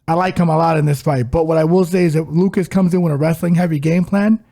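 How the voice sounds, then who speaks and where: A man's voice: fairly high pitch, steady tone, fast talker, warm tone. A man co-hosting a podcast, giving casual betting takes with crude jokes and puns. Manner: jokey, crude banter, puns. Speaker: podcast co-host. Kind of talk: casual sports betting chat.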